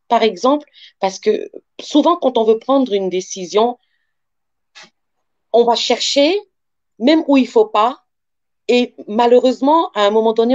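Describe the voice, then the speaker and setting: Here a sophrologist and life coach, an African-born woman who grew up in France, speaks as an interview guest in a dark, mid-range voice. She walks through ideas step by step, offering examples and restating points. The audio is muffled and echo-free.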